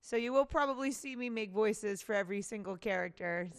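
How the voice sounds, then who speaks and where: A woman's voice: mid-range voice, a little fast, clean tone. A woman hosting a casual let's play, chatting in a self-deprecating, apologetic way into a close microphone. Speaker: gaming video host. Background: faint game music.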